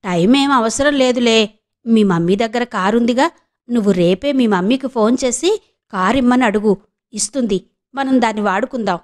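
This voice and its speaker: Push hard as a narrator doing a fiery, demanding young wife, with a high-sitting voice. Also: female voice, normal speed, darkish tone, natural voice. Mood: coaxing. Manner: scolding, demanding. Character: hot-tempered young wife.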